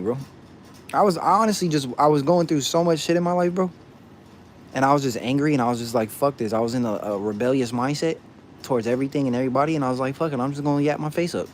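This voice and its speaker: A man at a middle pitch chatting casually with his viewers, answering their questions one by one. He talks bluntly and curses freely, leaning on "bro" again and again. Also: darkish tone, slight background noise. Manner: blunt, profane, says "bro" a lot. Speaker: streamer answering chat. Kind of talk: casual chat.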